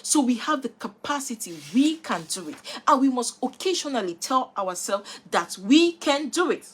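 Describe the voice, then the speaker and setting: A woman's voice: sits high, very animated, moderate pace, slightly rough. A woman giving an emphatic motivational talk, repeating rhetorical questions to her listeners. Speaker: motivational speaker. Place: live online session, replayed.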